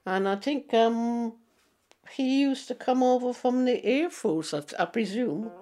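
A woman in her eighties from Guyana, chatting in an interview about her life, with easy laughs and halting restarts. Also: a little high, mellow. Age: 80s. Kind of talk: casual reminiscing interview.

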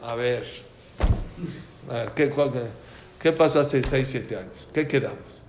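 A man's voice: mid-range voice, measured pace. Man telling stories in an echoey room. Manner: animated, acts out dialogue in stories. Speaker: religious teacher. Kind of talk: storytelling lecture. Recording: echoey room with faint ambient noise.

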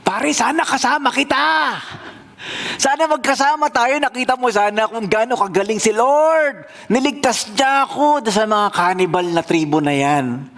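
A man's voice: extremely high pitch, moderate pace, pitched above the performer's own voice. Man playing an overjoyed emotional king. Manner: tearful, excitable outbursts. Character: frightened then overjoyed male king, emotional.

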